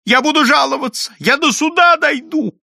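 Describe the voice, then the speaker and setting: A confused, indignant clerk who shouts out his protests in a high voice, as a male narrator puts him on. He sounds bright and tense. The recording is dry and close. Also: moderate pace, gravelly, no room sound, exaggerated voice.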